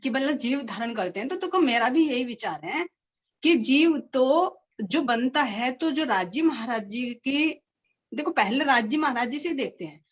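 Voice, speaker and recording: A woman's voice: sits high, lively intonation, a little slow. A woman explaining a devotional scripture point at length in an online group discussion, repeating quoted pleas for emphasis. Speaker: discussion participant. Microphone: video call.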